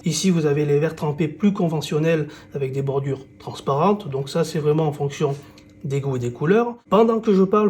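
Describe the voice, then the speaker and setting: A man presenting and unboxing phone accessories in a casual, relaxed way, with frequent fillers. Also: on the high side, slight background noise. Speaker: tech reviewer.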